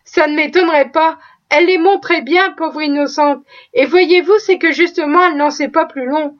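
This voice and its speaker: Voicing a pious, proud cook who chatters folksily and exclaims a lot, a woman uses a high-pitched voice close to her everyday one at a moderate pace. The recording is lo-fi and a little dull.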